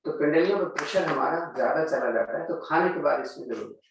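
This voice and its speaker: A man's voice: on the high side, expressive, fast, vocal fry. A man teaching a yoga class, talking students through each pose step by step. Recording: very echoey room, mic at a distance.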